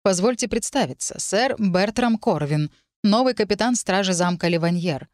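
A woman reading an audiobook, voicing a composed middle-aged guard captain who speaks in a measured, formal way. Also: fairly low pitch, no echo, studio quality, natural voice. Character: composed fortyish male guard captain, authoritative.

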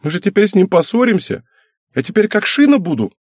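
A man voicing an excitable, childish sixteen-year-old girl in an audiobook, high and bursting. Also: a little fast, no echo, studio quality, heavily acted. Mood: whiny.

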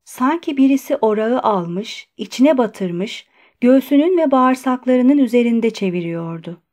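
Measured woman narrating a story. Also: fairly high pitch, expressive, a little mellow. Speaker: audiobook narrator. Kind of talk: scripted narration.

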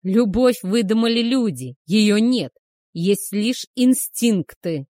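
A woman voicing a cruel, arrogant male werewolf hunter, who speaks with loud, growling menace. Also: fairly low pitch, animated, slow, no room sound, studio quality. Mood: menacing.

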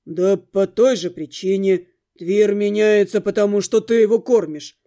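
A woman's voice: mid-range voice, unhurried, warm tone, pitched below the performer's own voice, close to an everyday voice. Woman doing a grumpy male mirror ghost. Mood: grumbling. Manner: gruff, curt, grudging.

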